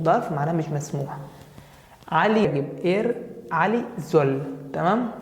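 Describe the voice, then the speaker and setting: A woman with an Egyptian Arabic accent teaching a German grammar lesson, spelling out German verb forms slowly and checking in with her students after each point. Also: low voice, dark tone. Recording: echoey room with long reverb.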